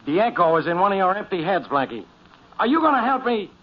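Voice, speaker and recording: An actor playing an exasperated, blunt police inspector with a dry, impatient manner in a 1940s radio drama. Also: male voice, high voice, sing-song, fast talker. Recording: muffled, noisy 1940s radio recording.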